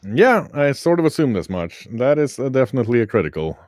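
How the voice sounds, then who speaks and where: A man running a tabletop game as game master, narrating turns in a relaxed, wry, chatty way. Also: mid-range voice, fairly quick, no room sound, studio quality.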